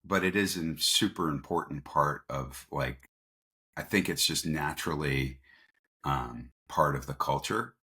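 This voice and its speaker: In an unhurried bass voice that sounds pushed and bright, a company founder shares casual stories as an interview guest. His style is informal, and he tends to act out pieces of dialogue.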